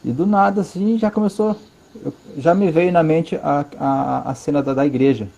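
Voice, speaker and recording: Earnest Brazilian man, dark mellow voice. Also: a little high, vocal fry. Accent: Brazilian Portuguese. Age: adult, father of a five-year-old. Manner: earnest, halting, repeats words for emphasis. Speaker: interview guest. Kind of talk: personal testimony in conversation. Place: his living room at home.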